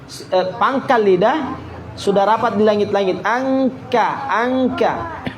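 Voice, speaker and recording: A male Quran teacher from Indonesia running a tajwid lesson, repeating syllables and chanting verses slowly for students to copy. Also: sits high, expressive, highs cut off. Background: group of students in the room.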